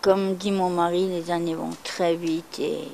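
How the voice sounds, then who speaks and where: A woman's voice: fairly low pitch, flat delivery, a little slow, gravelly, a little mellow, slight background noise, low-quality recording. A middle-aged woman from France speaking frankly and bluntly about her past, repeating herself for emphasis. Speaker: interviewee. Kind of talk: candid testimony.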